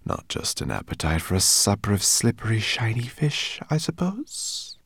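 A man voicing an ancient female sea serpent, sly and amused, with a soft, hissing, sing-song whisper. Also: lowish voice, big pitch swings, normal speed, creaky, husky, dry recording, clean studio sound, pitched above the performer's own voice, heavily acted.

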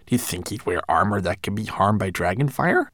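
A man's voice: lowish voice, big pitch swings, fairly quick, fairly bright tone, no room sound. A man voicing a small, fussy male homunculus who speaks in a prim, precise way. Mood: insistent.

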